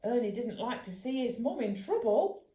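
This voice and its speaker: A woman, a children's author, reading a bedtime story aloud in a lively, expressive way. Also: fairly high pitch, normal speed. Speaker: children's author and dog trainer. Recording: roomy echo.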